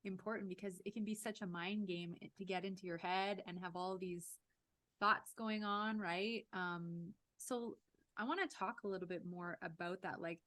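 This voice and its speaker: Woman in her thirties, enthusiastic host, mid-pitched voice, webcam interview. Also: fairly even intonation, moderate pace, fairly bright tone. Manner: enthusiastic, upbeat. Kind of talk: casual interview over video call. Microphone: video call webcam.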